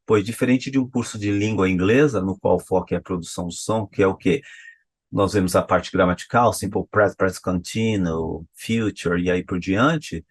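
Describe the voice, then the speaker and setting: A man's voice: sits low, normal speed, no room sound. A Brazilian man with a Brazilian Portuguese accent, explaining pronunciation as a teacher, repeating examples and asking himself questions. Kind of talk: classroom-style explanation.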